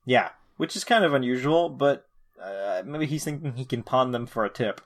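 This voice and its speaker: A man with a mid-pitched voice co-hosts a recap podcast. He talks casually and irreverently, swearing as he goes. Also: animated, moderate pace. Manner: irreverent, profane. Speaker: podcast co-host. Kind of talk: casual episode recap chat.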